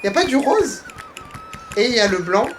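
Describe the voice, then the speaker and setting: A young woman vlogging at home in a chatty, excitable way, exclaiming as she goes, recorded on a camera mic. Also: a little high, normal speed, slight background noise. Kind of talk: casual vlog chat. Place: at home, indoors.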